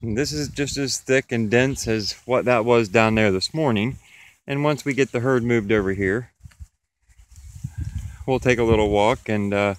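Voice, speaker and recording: A man's voice: medium pitch, normal speed, clean tone. A farmer giving a plain, matter-of-fact walking tour of his pasture, talking to a camera he holds outdoors. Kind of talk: walking field tour, explaining. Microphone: camera held while walking.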